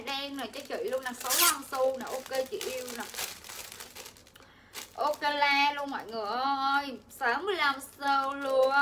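A young woman with a high voice runs a live clothing sales stream from her home shop indoors, chatting without pause and pushing deals at viewers. She's pushy and talkative, constantly addressing her audience, with background noise in the recording.

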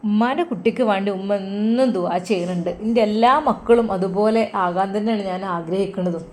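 A woman's voice: mid-range voice, fairly quick, dark tone, lightly acted. A woman voicing a loving, anxious mother who soothes and pleads tenderly.

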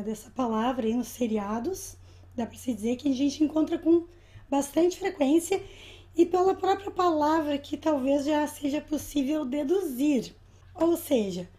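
Patient Brazilian woman teacher, high voice. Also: dark tone. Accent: Brazilian Portuguese. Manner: slow, patient, repeats words to model pronunciation. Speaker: English teacher. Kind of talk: explaining slang in a video lesson.

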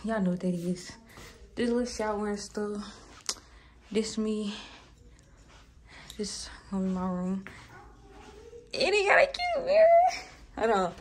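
A young woman vlogs informally on her phone at arm's length, using slangy chat as she walks through her apartment, the hallways, and a parking garage. She speaks at medium pitch with wide pitch swings, a little slowly, pausing often, and the handheld audio is noisy.

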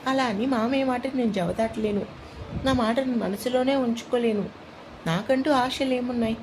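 A woman narrating a heartfelt first-person story in a soft, emotional, steady way. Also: a little high, normal speed, noisy background.

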